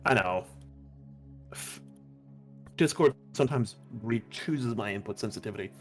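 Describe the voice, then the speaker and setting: A man's voice: on the low side, lively intonation, measured pace. A man acting as game master, narrating a tabletop role-playing game. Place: online voice call. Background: background music.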